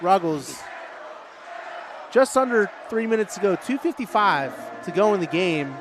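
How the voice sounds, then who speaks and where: A man calls a high school basketball game play by play, slightly high-voiced and chatty, tossing in jokes between plays. The crowd and game sounds in the gym run clearly underneath. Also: animated, a little slow. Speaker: play-by-play announcer. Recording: noisy gym broadcast.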